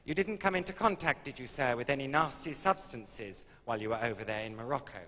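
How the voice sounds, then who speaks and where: A man's voice: medium pitch, a little fast, bright, forceful tone, in a large hall, natural voice. A man on stage acting out an officious male customs officer who questions him sternly, in a stand-up story.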